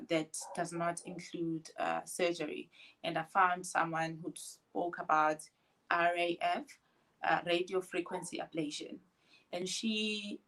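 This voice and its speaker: A woman vlogger chatting casually to her viewers, halting often between short phrases. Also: fairly low pitch, a bit bright, rough recording. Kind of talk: casual personal chat to viewers.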